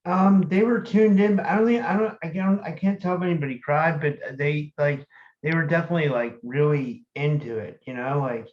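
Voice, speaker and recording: A man hosting a podcast with a fairly high voice. He rambles and restarts his sentences often. The audio is dull and lo-fi. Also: fairly quick, a little mellow. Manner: rambling, lots of fillers and restarts. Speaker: podcast host. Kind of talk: casual podcast chat.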